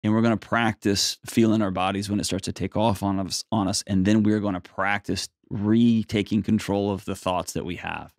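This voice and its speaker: A man with a fairly deep voice coaches a caller in a conversational style. He is plain-spoken and folksy, leaning on key words for emphasis. The sound is very dry, with no room around it. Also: fairly even intonation, normal speed, few pauses, no echo. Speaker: advice show host counseling a caller.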